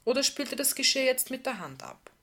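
A woman's voice: high voice, very animated, a little fast, a bit bright, pitched above the performer's own voice, exaggerated voice. A woman reading the part of a cheerful, jovial man with breezy, jokey lines.

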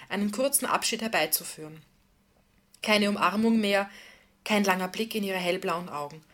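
Woman narrator, calm intimate read, mid-pitched. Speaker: audiobook narrator. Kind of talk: scripted narration.

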